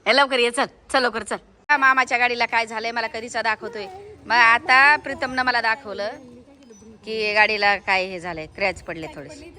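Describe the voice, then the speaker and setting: A woman's voice: fairly high pitch, fairly even intonation, moderate pace, pushed and bright, reverberant. A young woman chatting on a family vlog, talking to viewers and coaxing her toddler along. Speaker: family vlogger. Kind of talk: casual family vlog chat. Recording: phone video with clear street noise.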